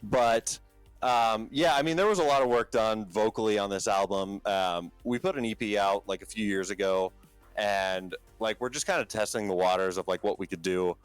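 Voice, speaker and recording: A band's lead singer, a man with a low speaking voice, guests on a podcast and chats casually, rambling with lots of fillers and restarts. His delivery is smooth at a normal speed, with no echo and soft music in the background.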